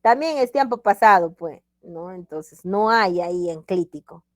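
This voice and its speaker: A woman's voice: lowish voice, expressive, unhurried, no room sound, clean studio sound. A woman teacher giving a grammar lesson, emphatic and repeating examples with checks like "ready?". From Peru.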